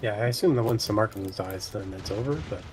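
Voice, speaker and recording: A man's voice: on the low side, fast talker. A man in a co-op game session, explaining mechanics casually and reading narration aloud.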